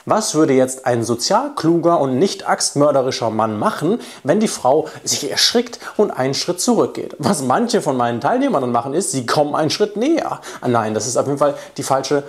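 Speaking straight to the camera in a casual coaching talk, a young male dating coach acts out quoted lines in altered voices. His medium-pitched voice is very animated, at a normal speed with hardly any pauses.

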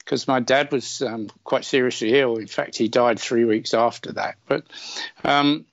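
A middle-aged man, rambling through a story in a casual, chatty way. His voice sits at an ordinary mid pitch and sounds dry and a bit dull, like remote call audio with the high end trimmed. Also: steady tone, measured pace, gravelly, no room sound. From England. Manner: chatty, many fillers, self-deprecating humor. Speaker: podcast guest.

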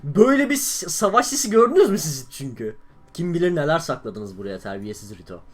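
A young man from Turkey giving excitable live commentary over his own gameplay, exclaiming and grumbling as things go wrong. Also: a little high, a little fast, crowd noise. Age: young adult. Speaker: gaming YouTuber.

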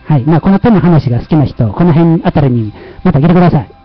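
A man's voice: on the high side, lively intonation, quick pace, husky, no echo, highs cut off, faint music behind. Chatty Kansai-accented man hosting a livestream. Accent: Kansai Japanese. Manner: chatty and self-mocking, laughing often. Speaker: livestream host. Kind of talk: casual livestream talk.

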